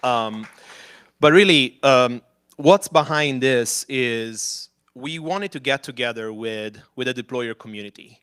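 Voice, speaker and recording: An Italian company executive, speaking with an Italian accent, gives a loose, conversational conference talk at an event venue using a handheld mic, frequently restarting and using fillers. His mid-range voice is clear, resonant, a bit bright, and a little slow.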